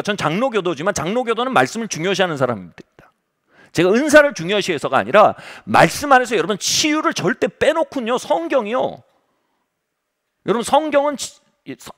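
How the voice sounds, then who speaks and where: A man's voice: sits high, fairly bright tone. A middle-aged male pastor preaching a revival sermon, telling a story with humor.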